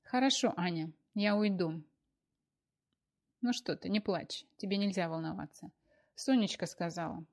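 A woman voicing a hurt young man who speaks gently and with resignation, in an audiobook. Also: lowish voice, a little slow, pauses often. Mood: resigned. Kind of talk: audiobook character voice.

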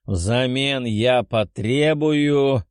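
A man voicing an ancient, proud male dragon spirit in an audiobook, slow and booming with a growl. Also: clean tone, no room sound, studio quality. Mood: commanding. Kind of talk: audiobook character voice.

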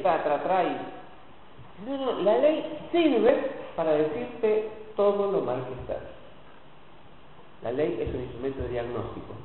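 Animated Rioplatense pastor in an echoey hall. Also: male voice, high voice, slight background noise. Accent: Rioplatense Spanish. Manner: colloquial, repeats words for emphasis, asks the congregation questions. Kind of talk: evening church sermon. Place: church hall. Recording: echoey hall over a tinny phone-like line.

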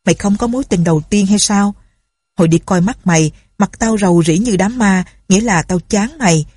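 A bitter, drunk young man rants in a low, husky, mellow voice, as a woman narrator puts him on. He sounds harsh and grief-stricken, recorded close and dry. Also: normal speed, no echo. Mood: scornful. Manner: slurred drunken ranting.

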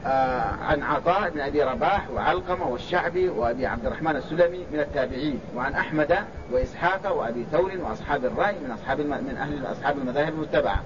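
A man's voice: fairly high pitch, rapid-fire, few pauses. A man teaching a religious text in a classroom lecture, restating his points and quizzing his students. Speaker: sheikh teaching a hadith commentary. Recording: dull lo-fi sound with loud background noise.

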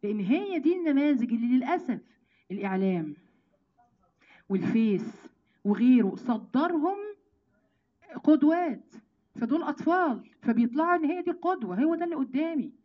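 A woman with an Egyptian accent giving a Quran commentary lesson, full of rhetorical questions to her listeners and slow, deliberate recitation of verses. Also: high voice, lo-fi sound. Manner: lively, rhetorical questions, addresses listeners directly. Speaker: religious teacher.

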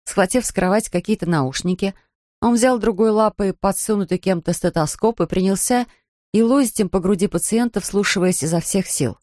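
A man reading a children's storybook aloud in a calm, measured way. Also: sits high, dry recording, studio quality. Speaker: narrator. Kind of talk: audiobook narration.

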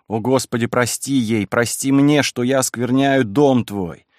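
A man's voice: medium pitch, unhurried, a little mellow, no room sound, clean studio sound, natural voice. A man doing a stern, torn young priest. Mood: solemn. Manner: solemn, grave delivery.

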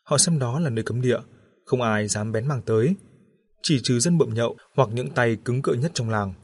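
A man reading a scripted horror story with steady, measured narration. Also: medium pitch, slightly rough.

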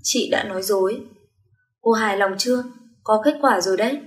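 A woman's voice: mid-range voice, moderate pace, close to an everyday voice. Cold commanding rich young man, read by a woman. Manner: curt and commanding. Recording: roomy echo.

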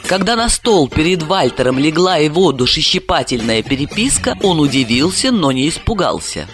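A woman narrating a novel as an audiobook reader, measured and expressive. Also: sits low, music in the background. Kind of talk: scripted narration.

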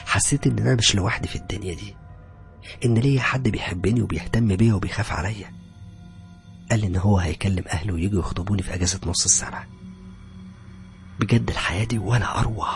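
Quick, gravelly Egyptian horror narrator. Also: male voice, lowish voice. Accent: Egyptian Arabic. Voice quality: hushed, breathy delivery, swelling to loud cries. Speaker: storyteller.

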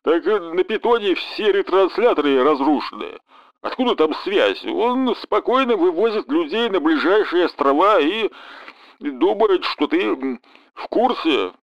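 A man's voice: high-pitched, expressive, measured pace, no room sound, highs cut off, pitched above the performer's own voice. A man voicing an easygoing gum-chewing businessman with a southern Russian accent and a hesitant, casual way of talking.

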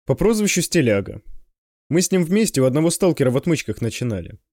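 A man's voice: on the high side, big pitch swings, fast talker, a little mellow, no echo. A man voicing a tough male stalker who speaks bluntly with dry irony. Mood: wry.

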